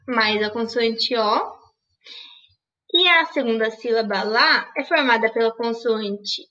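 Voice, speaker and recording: High bright woman teaching grammar. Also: distant mic, highs cut off. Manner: didactic, asks and answers her own questions. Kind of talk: online grammar lesson.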